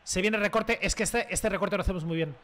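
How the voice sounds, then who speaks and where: A young man commentating his own football video game play in a casual, slangy way, shouting when he scores. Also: high voice, fairly quick. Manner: excitable, slangy, shouts at goals. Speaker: gaming youtuber. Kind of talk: live gameplay commentary.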